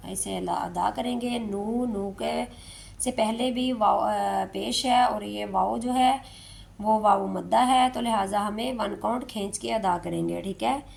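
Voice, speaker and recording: A woman, teaching Quran recitation step by step, explaining slowly and chanting verses drawn out. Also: medium pitch, creaky, a little mellow.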